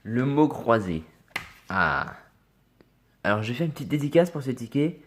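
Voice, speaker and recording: Suffering from a cold, this man scratches lottery tickets on camera and talks easily with his audience, frequently mumbling and reading letters out individually. He speaks at medium pitch in an animated but measured way.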